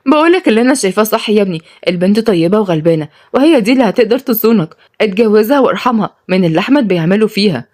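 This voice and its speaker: A woman's voice: mid-range voice, lively intonation, rapid-fire, darkish tone, close to an everyday voice. A woman voicing a caring, coaxing older mother with an Egyptian accent. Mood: motherly. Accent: Egyptian Arabic.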